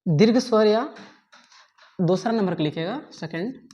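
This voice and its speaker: Woman dictating a slow grammar lesson. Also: mid-range voice, expressive, dark tone, muffled recording. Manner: repetitive, dictating slowly, frequent checking fillers. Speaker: teacher.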